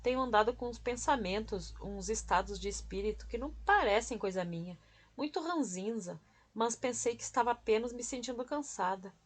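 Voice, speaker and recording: A woman's voice: a little high, a little fast, close to an everyday voice. A woman reading the lines of a stubborn, irritable young woman in an audiobook. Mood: shaken. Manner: sulky, defensive.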